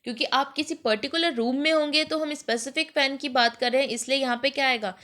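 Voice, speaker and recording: A woman teaches an exam-prep grammar lesson, explaining in a mix of Hindi and English and reading example sentences slowly. Her voice sits high and steady, with a pushed, bright quality.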